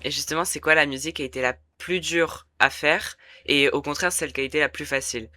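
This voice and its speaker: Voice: mid-range voice, quick pace, pushed and bright. An interview host asking questions casually, stumbling through fillers and rephrasings.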